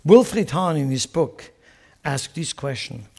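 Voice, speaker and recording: A man from Switzerland preaching a sermon, emphatic and joking, dropping from loud stressed lines to quiet asides. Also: on the high side, expressive, unhurried. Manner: joking, chuckles at his own remarks.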